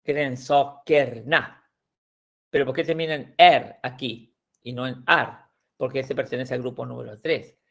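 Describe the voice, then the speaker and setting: A man's voice: medium pitch, moderate pace, gravelly, fairly bright tone. A man teaching a language class, explaining grammar patiently and repeating words with frequent restarts. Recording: dull lo-fi sound.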